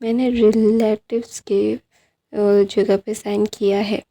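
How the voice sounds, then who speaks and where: A woman voicing a stern, cold adult husband with curt, flat replies in a fanfic retelling. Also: medium pitch, slow pace.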